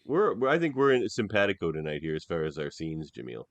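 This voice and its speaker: A man's voice: low-pitched, sing-song, fast, no room sound, lo-fi sound. A man co-hosting a podcast, chatting casually and giving blunt opinions on a film. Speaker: podcast co-host.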